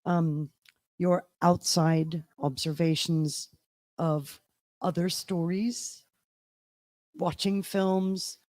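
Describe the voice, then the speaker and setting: A woman's voice: fairly low pitch, darkish tone, no echo. A woman, an audiobook narrator, answering questions on a convention panel with wry humor. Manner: wry, laughing, unhurried.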